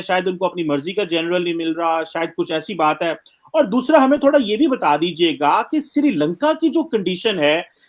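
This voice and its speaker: A man hosting a TV panel, asking polite, long, multi-part questions. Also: high voice. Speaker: TV anchor.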